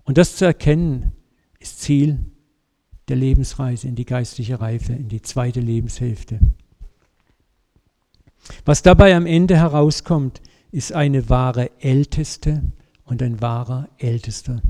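A man preaching a sermon, telling a story with lively, vivid asides and speaking directly to his congregation. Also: medium pitch, slow pace.

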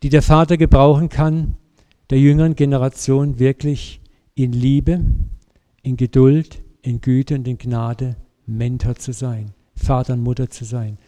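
Warm-voiced German-speaking preacher. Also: male voice, mid-range voice, a little slow. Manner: lively storytelling, addresses the congregation directly. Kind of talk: sermon.

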